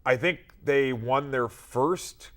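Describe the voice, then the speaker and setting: A man's voice: medium pitch, slow, a bit bright. An American man co-hosting casual sports talk, giving his opinions bluntly and with emphasis. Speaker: sports talk show co-host.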